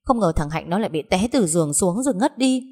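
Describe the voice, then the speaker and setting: A woman putting on a brawny farming woman with a short fuse, coarse and loud in her threats. She speaks in a lowish voice that rises sharply when she shouts. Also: animated, fast. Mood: enraged. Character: furious hot-tempered peasant woman, older sister.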